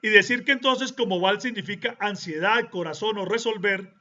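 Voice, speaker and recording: Male Bible teacher, deliberate lecturing delivery, high-pitched, muffled lo-fi audio. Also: bright, forceful tone. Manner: deliberate, lecturing, checks in with rhetorical "¿sí?". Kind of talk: explanatory teaching monologue.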